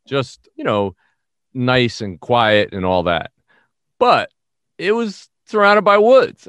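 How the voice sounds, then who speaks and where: A middle-aged man from the Bronx, telling a story in an animated, self-mocking way as an interview guest. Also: mid-range voice, clean tone, dry recording, clean studio sound. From the Bronx, New York. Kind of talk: casual storytelling.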